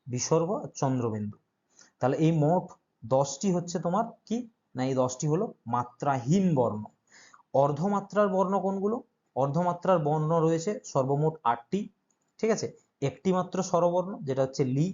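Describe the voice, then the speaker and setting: A man's voice: a little high, darkish tone, muffled recording. A male teacher who explains an exam-prep grammar lesson step by step and keeps checking that his students follow.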